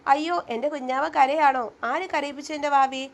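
Feisty young wife, sulky and sharp-tongued, high voice, voiced by a woman narrator. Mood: cooing. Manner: sulky, quick to bristle.

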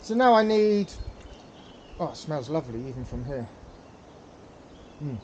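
A pipe tobacco hobbyist hosts his channel's casual how-to demo, speaking hesitantly with lots of fillers and repeated words. His voice is slightly high and very animated but unhurried, and the recording is muffled with a faint hiss or hum.

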